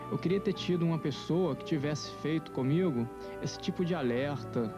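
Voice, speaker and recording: Man, halting interviewee, reverberant hall with backing music. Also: a little high, highs cut off. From Minas Gerais, Brazil. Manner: halting, searching for words. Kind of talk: documentary interview. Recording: echoey hall with music underneath.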